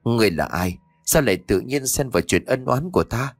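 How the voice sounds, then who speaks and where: A man's voice: mid-range voice, expressive, a little fast, soft background music. A man voicing a defiant demon spirit possessing a boy in an audio story, taunting and wailing. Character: defiant young demon spirit, sly then pleading.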